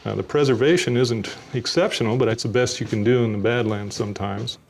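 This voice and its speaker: Matter-of-fact male expert, mid-pitched. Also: a little fast, gravelly. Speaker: fossil expert interviewee. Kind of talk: unscripted documentary interview.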